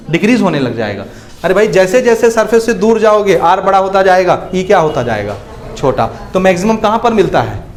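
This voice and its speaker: A male physics teacher lecturing at a board. He keeps asking whether his students understood, and he drops low and soft when he answers his own questions. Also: a little hiss or hum.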